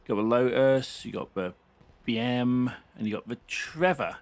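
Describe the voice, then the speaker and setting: A man's voice: mid-range voice, normal speed. A man giving casual, chatty running commentary while playing a racing game. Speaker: gaming channel host.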